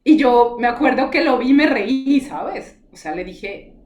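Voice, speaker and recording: A woman's voice: a little high, animated, a little slow, lo-fi sound. A woman giving an earnest, emotional personal testimony in conversation, acting out the dialogue as she tells it. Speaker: spiritual guide telling her story. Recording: roomy echoey sound.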